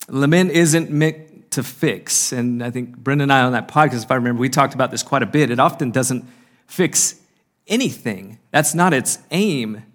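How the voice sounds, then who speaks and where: Earnest male speaker, sermon delivery, mid-pitched, weighted pauses. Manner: earnest, slows down to stress lines. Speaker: conference speaker. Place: conference hall.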